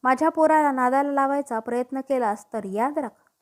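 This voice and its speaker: A woman's voice: high voice, moderate pace, lightly acted. A woman playing a furious scolding mother. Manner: harsh, scolding. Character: angry proud mother, scolding a young woman.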